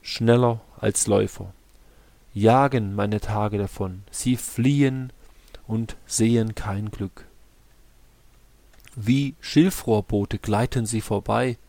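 Slow, solemn male Bible reader. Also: lowish voice, fairly even intonation, vocal fry, dark tone, dry recording. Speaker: scripture reader. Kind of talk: scripted Bible reading.

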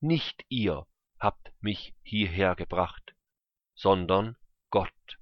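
A man voicing Joseph, a powerful man forgiving his brothers, speaking slowly and earnestly. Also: low-pitched, no echo. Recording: dull lo-fi recording.

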